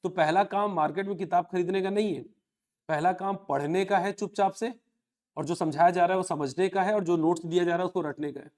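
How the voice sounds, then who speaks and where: Male coaching teacher, 30s, higher-pitched voice, chatty and motivating, calls on students by name. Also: steady tone, a little fast, darkish tone. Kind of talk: live online class lecture.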